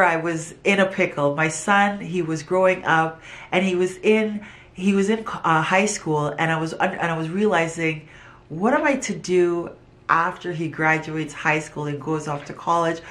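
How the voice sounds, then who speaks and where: Earnest middle-aged woman, lowish voice. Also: a bit bright. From Trinidad and Tobago. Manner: earnest and heartfelt, with some restarts. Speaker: business owner pitching her company. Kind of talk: pitch video monologue.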